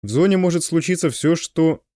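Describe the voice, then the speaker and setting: A man's voice: on the high side, moderate pace, dark tone, no room sound, pitched above the performer's own voice, natural voice. A man voicing a tough male stalker who speaks bluntly with dry irony. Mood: wry.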